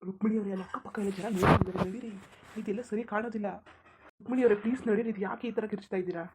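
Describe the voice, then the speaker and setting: A woman's voice: mid-range voice, steady tone, racing, very noisy, lightly acted. A woman voicing a flustered, polite young married man in a cartoon, pleading with someone to stop. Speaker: cartoon character. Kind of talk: Kannada cartoon voice acting.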